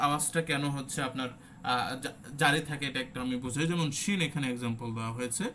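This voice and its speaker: A man's voice: fairly high pitch, bright, forceful tone, a little hiss or hum. A man teaching an online Quran recitation class, explaining step by step and sounding out letters as examples. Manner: asks the listeners rhetorical check questions.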